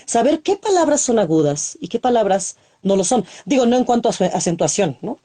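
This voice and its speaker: A woman's voice: on the high side, a little fast. A woman, a poet and radio announcer, reciting poems and explaining reading aloud with many demonstrations, speaking from a broadcast booth over a video call. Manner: expressive, demonstrates voice techniques, frequent "¿no?". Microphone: studio microphone, remote video call.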